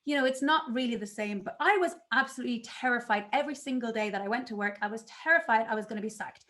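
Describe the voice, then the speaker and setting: Animated woman telling her career story. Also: a little high, fast talker. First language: not English. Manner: animated storytelling, acts out her own past reactions. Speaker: conference speaker. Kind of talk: conference talk.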